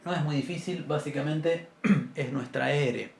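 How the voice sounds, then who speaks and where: A man teaching an introductory Biblical Hebrew class, explaining patiently and clearing his throat often. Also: on the high side, unhurried. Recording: roomy echo, faint background noise.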